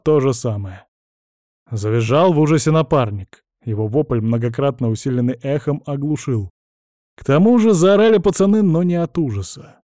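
A man narrating a first-person story as an audiobook reader, with a measured, even delivery. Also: medium pitch, dry recording, studio quality.

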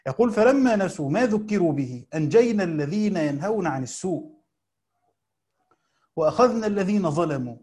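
A man with an Egyptian Arabic accent teaches Quran commentary, reading passages slowly, then explaining them in quick colloquial asides. His voice sits high, animated, with a darkish tone.

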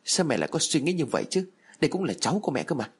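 A man voicing a gentle young husband who speaks softly and consolingly to his wife. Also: on the high side, sing-song, rapid-fire, husky, voice pushed up, exaggerated voice. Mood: pleading. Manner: soft, consoling.

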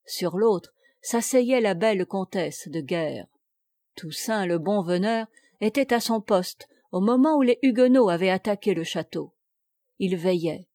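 Audiobook narrator, woman, mid pitch, measured storytelling, close dry mic. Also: lively intonation, mellow, no room sound. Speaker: audiobook reader. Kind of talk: literary narration.

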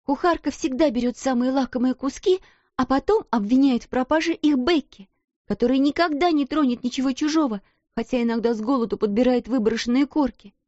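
A proud young schoolgirl speaking with earnest intensity, high and bright, as a woman narrator puts her on. The voice is close and dry, and the storybook recording sounds dull. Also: brisk, no room sound, natural voice.

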